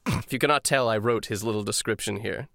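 A man's voice: lowish voice, fairly quick, creaky, pushed and bright, dry recording, clean studio sound. A man narrating a tabletop game as game master in a casual, chatty way.

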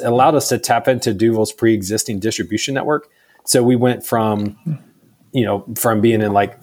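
A man's voice: on the low side, a little mellow. A man answering interview questions about his brewery in a loose, chatty way, full of fillers. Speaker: brewery staff guest.

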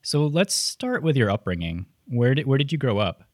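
This man runs a podcast, starting with a scripted intro and moving into playful chat with his guest. His medium-pitched voice keeps a moderate pace and an animated, playful manner. The recording is dry and studio quality.

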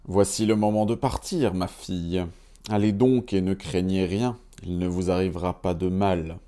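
A man's voice: deep voice, steady tone, moderate pace, dark tone, lightly acted. A man voicing a scheming storybook stepmother who frets over her daughter, speaking in a raised, pleading way. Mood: coaxing.

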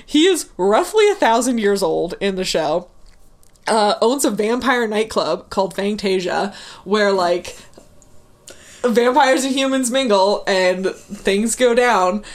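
A woman co-hosting a podcast in casual chat, gushing and swearing, with many "like"s and "um"s and frequent laughs. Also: medium pitch. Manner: laughing often, lots of "like" and "um"; gushing, profane. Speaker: podcast co-host.

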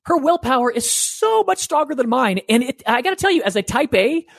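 A man's voice: very high-pitched, fairly quick, vocal fry, no echo. Middle-aged guy telling parenting stories, voice bounces all over, dry close sound. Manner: animated storytelling, acts out quoted voices. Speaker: parenting guest. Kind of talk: conversational interview.

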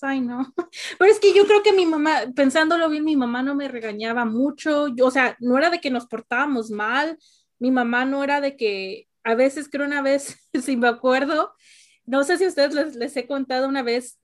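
A young woman hosting a casual family chat, telling stories with animation and asking questions. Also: high-pitched. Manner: animated storyteller, asks questions. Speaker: podcast host.

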